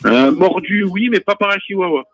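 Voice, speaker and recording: Brief: southern French man, co-host, slightly high voice, dry wisecracks, faint music behind. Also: moderate pace. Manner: dry teasing retorts. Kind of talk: playful live chat banter.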